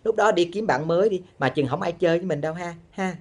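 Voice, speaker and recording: A woman with a Southern Vietnamese accent delivering a comic rant straight to her viewers. She talks in a blunt, animated way and exaggerates freely for laughs. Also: lowish voice, quick pace, husky. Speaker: vlogger.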